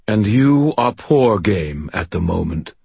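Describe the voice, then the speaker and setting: Man doing a menacing ancient hunter-king, raised and strange-sounding, husky edge, dry close sound. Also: lowish voice, big pitch swings, darkish tone, no echo, heavily acted. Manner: haughty, slow and threatening.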